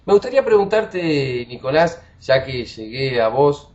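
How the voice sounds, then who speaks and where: A man's voice: medium pitch, very animated, unhurried, a little mellow. Hesitant Argentine male interviewer. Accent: Argentine Spanish. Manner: conversational, hesitant with many fillers. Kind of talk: interview questions. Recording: dull lo-fi audio with faint music.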